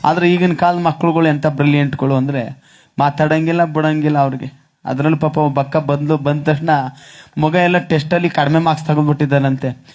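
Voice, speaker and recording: A man's voice: on the high side, steady tone, fairly quick, darkish tone. A man from the region, telling comic stories on stage in a rustic, teasing way. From Mysore region, Karnataka. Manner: rustic, teasing banter with acted-out quoted voices. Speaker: stage comedian and singer.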